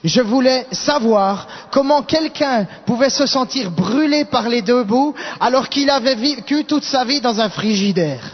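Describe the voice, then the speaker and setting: A man's voice: extremely high pitch, lively intonation, a little slow, few pauses, breathy edge. A man interpreting a sermon live, echoing the preacher's rising intensity with small restarts. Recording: echoey hall, dull sound.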